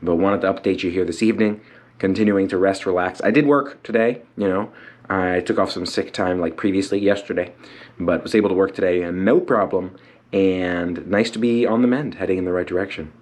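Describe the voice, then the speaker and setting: Inside a car, a vlogger with a stuffy nose records a casual video diary on a phone mounted to the steering wheel. His voice is low, fairly quick, and darkish, and he keeps things upbeat and jokey.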